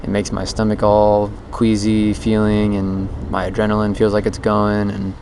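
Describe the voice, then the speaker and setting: A man with a slightly low voice talks casually into a handheld voice recorder outdoors. His delivery is even and barely varies in pitch as he rambles introspectively, like an audio diary. The dictaphone recording carries faint background noise. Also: normal speed. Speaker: vlogger recording a daily challenge diary. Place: outdoors under a bridge.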